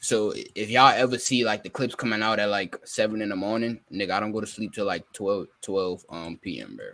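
Low-voiced young man, loose podcast banter. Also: lively intonation, brisk, a bit bright. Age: 20s. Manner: loose, profane, teasing. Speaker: podcast host.

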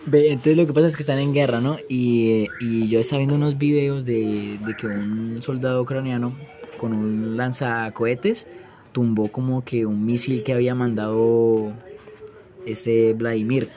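A man's voice: mid-range voice, fairly even intonation, normal speed, dark tone. A man in his late teens with a Colombian accent, chatting casually and slangily like a podcast host. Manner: slangy, banter-prone. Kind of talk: casual chat.

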